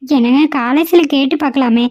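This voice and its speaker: A woman's voice: sits high, moderate pace, a little mellow, no echo, lo-fi sound, lightly acted. A woman voicing an anxious middle-aged mother who pleads and prays, in a cartoon. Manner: fretful, pleading. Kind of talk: cartoon voice acting.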